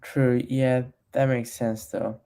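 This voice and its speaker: A man's voice: medium pitch, flat delivery, takes it slowly, mellow, clean tone. A man hosting a casual coding livestream, hesitant with many restarts, reading viewer chat aloud. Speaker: stream host mentoring a developer.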